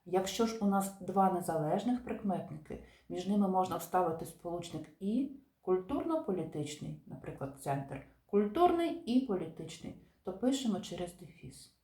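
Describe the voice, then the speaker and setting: A woman teacher calmly explaining spelling rules to viewers, stressing each example word. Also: fairly low pitch, normal speed, hardly any pauses. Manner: calm, methodical, stresses example words. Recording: echoey room.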